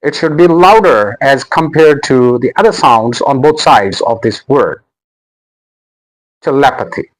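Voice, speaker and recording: A man's voice: mid-range voice, animated, measured pace, hardly any pauses, low-quality recording. A man teaching English word stress in a pronunciation lesson, saying each word again and again with the stressed syllable made prominent. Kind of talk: slow, deliberate pronunciation lesson.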